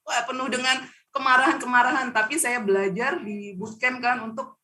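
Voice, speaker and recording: A woman's voice: a little high, steady tone, moderate pace, pushed and bright, distant mic. A woman who is a guest on a talk show, earnestly telling a personal story. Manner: earnest, laughs between phrases.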